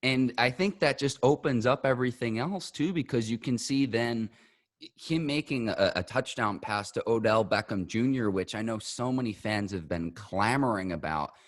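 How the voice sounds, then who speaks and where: A man's voice: medium pitch, lively intonation, moderate pace, no echo, clean studio sound. A man hosting a sports podcast, giving commentary and analysis. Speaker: podcast host.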